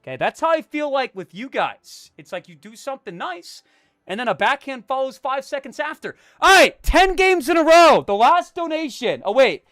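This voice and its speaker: A young man live streaming and chatting with his viewers, jumping between loud hype and a low, mock-menacing mutter. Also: big pitch swings, normal speed, no echo, clean studio sound.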